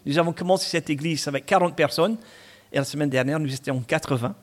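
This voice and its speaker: A Scottish pastor in his sixties preaches a chatty sermon full of asides and humor. He speaks quickly, with a Scottish accent and a voice on the high side.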